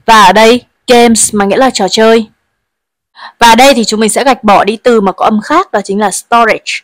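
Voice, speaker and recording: A woman's voice: on the high side, normal speed, dry recording. A woman teaching an English lesson to pupils, patiently explaining each word and leading them to repeat after her.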